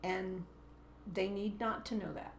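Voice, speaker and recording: A woman teacher talks shop in a measured, emphatic way, now and then slipping into demonstrations of classroom voices. Her voice sits mid-range and carries a noticeable room echo. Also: mid-range voice, steady tone, a little hiss or hum. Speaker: teacher and co-host. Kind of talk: casual teaching chat. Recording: roomy echo.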